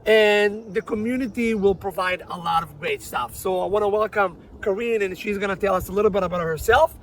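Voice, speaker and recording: High-voiced gravelly man hosting outdoors. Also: a little fast, a bit bright, a little hiss or hum, rough recording. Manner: chatty, repeats words while searching for English phrasing. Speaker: podcast host. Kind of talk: casual outdoor interview. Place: outdoors on a property.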